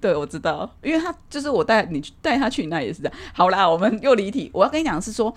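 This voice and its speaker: A woman's voice: mid-range voice, big pitch swings, racing. A young woman, co-hosting a casual chat, laughing often and explaining with examples. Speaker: podcast co-host.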